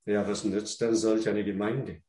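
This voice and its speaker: Preaching in German as a second language, this man speaks at a measured, unhurried pace, often restarting, repeating himself, and posing questions back to the congregation. His voice is lowish and mellow with little pitch movement. A distinct echo fills the roomy space.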